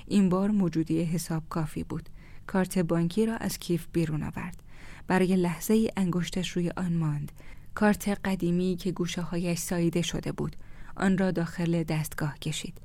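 A woman narrating a story in a calm, measured way, often dropping close to a whisper. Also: fairly low pitch. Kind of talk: storybook reading.

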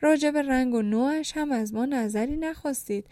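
A woman's voice: high-pitched, mellow, dry recording, voice pushed up, close to an everyday voice. A woman voicing a blind man who speaks politely and reasons patiently with rude people.

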